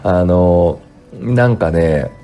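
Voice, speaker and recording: Faint music plays behind a low, dark male voice that draws out words in an animated way. He's a tax accountant chatting on his own podcast from a home work room, rambling and full of fillers, his voice dry and strained from the morning, captured with a home studio mic.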